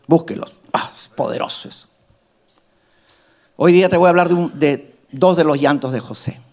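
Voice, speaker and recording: High-pitched preaching pastor, man. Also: a little fast. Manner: emphatic preaching, rising to loud climaxes and dropping to soft asides. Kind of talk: sermon.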